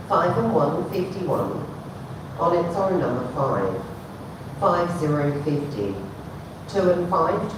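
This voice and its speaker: Lady bingo caller, slow n steady singsong number calls, super echoey noisy recording, kinda far away. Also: low-pitched. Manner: measured, formulaic delivery, dropping at the end of each call. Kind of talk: bingo calling, numbers read out digit by digit in a sing-song formula. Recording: very echoey, distant, noisy hall PA.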